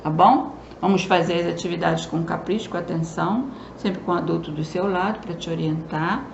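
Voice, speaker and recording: A woman teacher with a Brazilian Southeast accent gives a remote lesson to children, explaining slowly and often checking in with a quick question. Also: fairly low pitch, fairly even intonation, vocal fry, roomy sound, muffled recording, noisy background.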